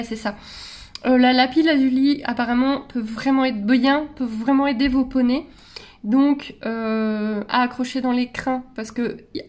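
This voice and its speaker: With a fairly high pitch and a somewhat dark tone, this animal-care vlogger from France rambles casually, frequently cutting herself off and laughing at where her tangents take her.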